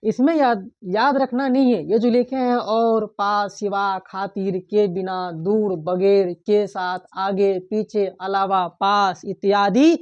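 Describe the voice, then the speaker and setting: A woman teaches an exam-prep grammar lesson at an unhurried, deliberate pace, posing questions to her students and saying each key term twice. Her voice sits in a middle register. The recording is dull and lo-fi. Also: medium pitch, fairly even intonation, darkish tone. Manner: asks the class questions and repeats key terms.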